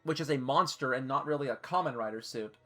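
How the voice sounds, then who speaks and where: A woman's voice: very deep voice, fast talker, a bit bright, soft background music. A woman live-streaming, chatting casually and swearing freely while she ranks costumes, hiccuping and a little flustered.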